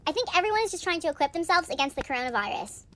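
A woman's voice: very high-pitched, animated, racing, a bit bright. A woman playing Santa's sensible elf helper in a comedy sketch, patiently explaining.

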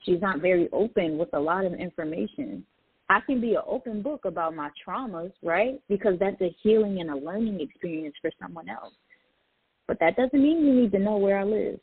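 A woman's voice: mid-range voice, lively intonation, fairly quick, slightly rough, dry recording. Woman poet and speaker, casual reflective talk, dry close sound through a phone-like line. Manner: reflective, many "like" fillers. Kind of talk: casual conversation.

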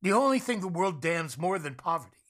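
A woman playing a bitter, haunted Scrooge in a radio drama, speaking in a halting, defensive, emotional way. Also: lowish voice, very animated. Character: bitter, anguished Scrooge haunted by memories of the past.

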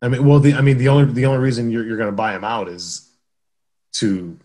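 A man's voice: medium pitch, little pitch movement, fast talker, dark tone. A man co-hosting a sports podcast in casual chat, rambling with frequent restarts and laughs. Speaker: podcast co-host.

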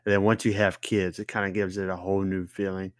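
A young man co-hosting a casual podcast, speaking in a relaxed, reflective way as he searches for words. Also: low-pitched, quick pace, no echo, studio quality. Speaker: podcast co-host. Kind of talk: casual chat.

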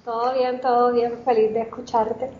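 Cheerful female guest, higher voice, muffled remote audio with faint noise. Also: flat delivery, moderate pace. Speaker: podcast guest. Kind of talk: casual chat. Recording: distant, dull, faint noise.

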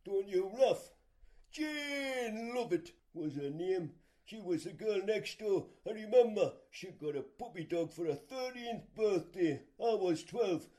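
A man plays a cheeky joker who spins his first-kiss yarn slowly and with plenty of teasing. His voice sits high yet sounds mellow and soft. This is an amateur audio drama. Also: lively intonation. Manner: teasing, joking storyteller.

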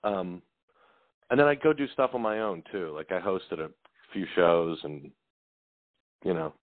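Low-voiced guy chatting easy as a comedy guest, says dude a lot, dry tinny phone audio. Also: animated, a little slow, dry recording. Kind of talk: casual storytelling chat.

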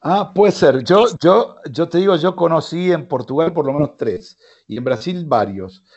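Argentine man, radio host, dark mellow tone, slightly dull sound, halting chat. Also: fairly high pitch, animated. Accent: Argentine Spanish. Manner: rambling, many fillers and restarts. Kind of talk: casual sports radio talk. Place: radio studio.

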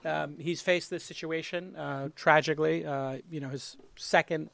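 A man's voice: a little high, fairly even intonation, moderate pace, gravelly, a bit bright, dry recording. A man acting as host and judge, giving live feedback and probing with plain-worded questions.

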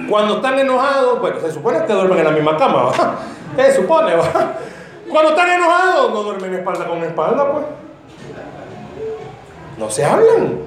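A man preaching a sermon in a church, animated and joking, acting out comic voices of his congregation. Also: sits high. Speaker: pastor. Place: church sanctuary. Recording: very echoey church hall.

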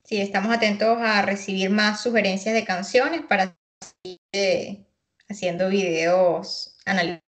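A woman's voice: mid-range voice, measured pace. A woman co-hosting a casual analytical talk, thoughtful, repeating words as she searches for them. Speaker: co-host analyzing song lyrics.

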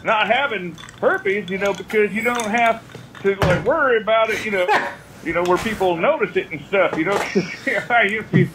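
A man's voice: high voice, moderate pace, noisy background. A man leaving a rambling, joking voicemail message as a caller, stumbling over his words with constant "you know" fillers. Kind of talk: joking prank-style call.

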